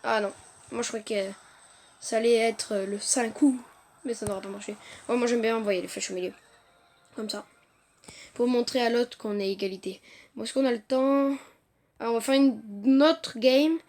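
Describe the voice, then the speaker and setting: A woman giving casual commentary on her own mobile game, excitable and jumping between muttered asides and loud outbursts of playful trash talk, recorded on a phone mic. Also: on the high side, normal speed, long pauses. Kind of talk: casual live gameplay commentary. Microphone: phone mic via screen recorder.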